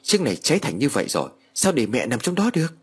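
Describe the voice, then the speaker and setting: A man's voice: medium pitch, wildly swooping pitch, quick pace, husky, voice pushed up, full character voice. A man voicing a worried middle-aged son who speaks insistently to his elder brother.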